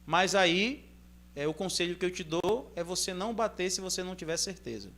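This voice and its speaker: High-voiced Brazilian preacher. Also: male voice, animated, fairly bright tone, slight background noise. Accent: Brazilian Portuguese. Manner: reads scripture in measured phrases, then explains in a loose, conversational way. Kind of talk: Bible reading and informal sermon commentary.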